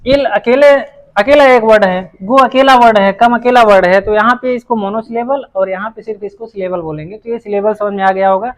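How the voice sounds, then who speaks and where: A fairly quick, high-pitched man teaches English grammar at the board in a rough recording. His explanation is patient and repetitive, and he tends to restart phrases while he writes.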